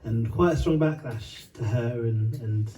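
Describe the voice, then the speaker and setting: A man's voice: mid-range voice, measured pace, mellow, far from the mic, a little hiss or hum, rough recording. A man from Uganda and Britain telling a long, rambling story between songs, full of fillers, swearing and laughter.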